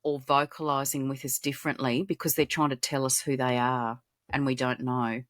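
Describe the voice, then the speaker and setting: An Australian woman, an animal communicator, explaining things in a steady, reassuring way during an interview. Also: a bass voice, normal speed. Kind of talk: casual interview advice.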